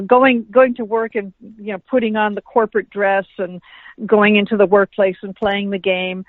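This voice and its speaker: A woman's voice: mid-range voice, dry recording. Woman guest over a tinny phone line. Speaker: guest author. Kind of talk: interview answers.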